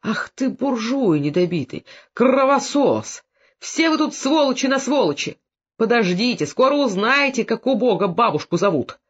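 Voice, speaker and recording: A boastful, hot-headed Cossack soldier, as a man reads him in a storybook, with a high voice that leaps up and down. The sound is dull and lo-fi. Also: sing-song, normal speed, slightly rough, exaggerated voice. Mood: angry. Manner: boastful, then furious and threatening. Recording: dull lo-fi recording.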